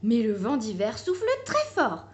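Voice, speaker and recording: A woman reading a children's picture book aloud in a gentle, expressive way. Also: fairly high pitch, moderate pace, noisy background. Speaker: storyteller.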